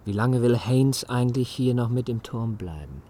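Radio play: man voicing a sullen, wary young man, quiet delivery. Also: medium pitch, lively intonation, normal speed, natural voice. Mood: subdued. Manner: quiet and subdued. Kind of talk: radio drama acting.

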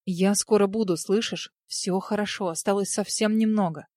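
A woman doing a low, anxious rescuer man. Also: steady tone, moderate pace, a little mellow, no echo, studio quality, natural voice. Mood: anxious, soothing. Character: worried tender adult man, a rescuer.

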